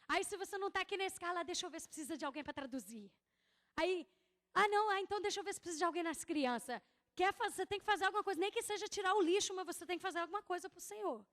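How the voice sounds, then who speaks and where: A woman pastor with a very high voice, telling a personal testimony in a sermon. She talks fast and animated, voicing her own remarks and replies. The sound carries the long reverb of a church hall. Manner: animated storytelling, acting out her own dialogue.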